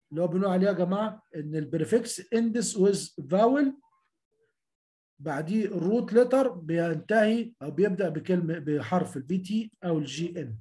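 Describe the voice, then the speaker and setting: With a voice that sits high and sounds a little mellow, an Egyptian-accented man lectures university students on medical terms. He breaks words into syllables for pronunciation drills, repeats himself a lot, and keeps addressing the students as a group.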